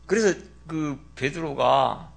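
A man preaching a sermon as pastor, folksy and teasing, swinging from loud exclamations to muttered asides. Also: on the high side, takes it slowly, gravelly.

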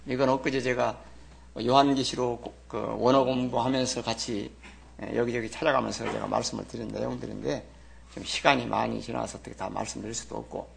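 A man's voice: medium pitch, gravelly. A man preaching a sermon, leading the congregation in reading along, asking rhetorical questions and pressing hard on key words. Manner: emphatic, rising to loud stress; has the congregation read along. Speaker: pastor.

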